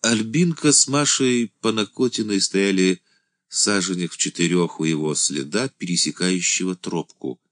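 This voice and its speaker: A man reading a novel aloud as an audiobook narrator, measured and expressive. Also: sits low, no room sound, clean studio sound.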